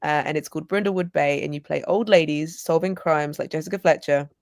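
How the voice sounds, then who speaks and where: A woman's voice: low-pitched, dry recording, studio quality. Bubbly woman co-host. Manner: bubbly, quick, laughs easily. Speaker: co-host reading viewer questions. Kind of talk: casual livestream chat.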